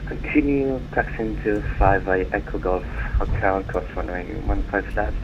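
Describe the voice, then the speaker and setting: A man, playing pilot, reading back tower instructions over a cockpit headset radio in clipped, measured aviation phrasing. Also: lowish voice. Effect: pilot speaking through cockpit headset radio. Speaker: flight sim streamer playing pilot. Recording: muffled radio mic with steady noise.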